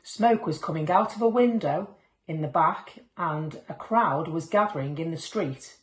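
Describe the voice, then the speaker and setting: Her voice low-pitched and her pace a little slow, a woman tells a children's picture book as a storyteller. She brings the dialogue and sound words to life with expressive acting, and the room echoes around her.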